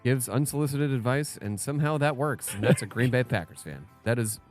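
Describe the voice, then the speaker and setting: A man's voice: mid-range voice, lively intonation, fairly quick, faint music behind. A man co-hosting a casual beer podcast, joking and bantering with his friend. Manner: joking, banters and riffs on bits. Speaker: podcast co-host. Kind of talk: casual chat.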